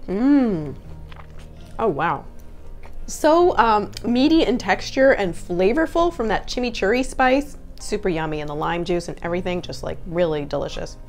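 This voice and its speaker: Woman chef, home kitchen, casual cooking demo, chatty, bouncy up-and-down pitch, faint music underneath. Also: lively intonation, normal speed, a little mellow. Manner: chatty, upbeat, explains each step. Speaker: chef and recipe reviewer.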